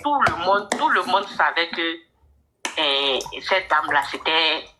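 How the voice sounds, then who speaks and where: A woman's voice: sits low, expressive, measured pace, sharp tone, slight background noise. A woman caller telling her own story to a coach, hesitant, often repeating words and restarting. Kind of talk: casual storytelling chat.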